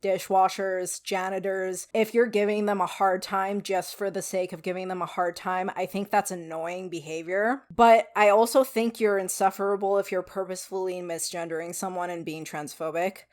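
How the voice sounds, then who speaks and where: A woman's voice: mid-range voice, fairly even intonation, moderate pace, few pauses, darkish tone. A woman with a weak voice giving frank, casual opinion commentary to viewers, with some swearing. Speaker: video commentator.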